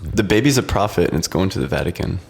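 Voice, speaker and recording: A man's voice: low-pitched, animated, fast, gravelly. A man co-hosting a podcast, dropping dry one-liner jokes in casual chat. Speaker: podcast co-host.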